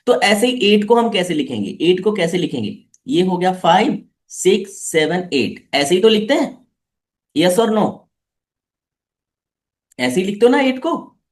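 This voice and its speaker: A man's voice: high-pitched, big pitch swings, measured pace. A man teaching a live online class for children, coaxing them with repeated questions.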